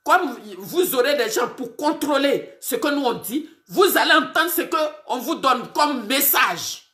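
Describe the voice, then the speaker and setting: A woman's voice: high-pitched, expressive, a little slow, pushed and bright, roomy sound. A woman activist from Côte d'Ivoire, speaking to camera in an indignant tone and hammering home rhetorical questions. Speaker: political activist. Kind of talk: impassioned address to camera.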